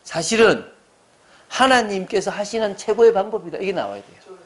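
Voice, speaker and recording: Lively high-voiced Korean pastor preaching. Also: male voice, normal speed. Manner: emphatic preaching with frequent questions to the congregation. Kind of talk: sermon.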